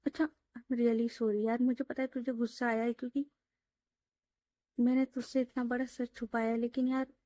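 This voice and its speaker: A woman voicing a pleading young woman, soft and high. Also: dry recording.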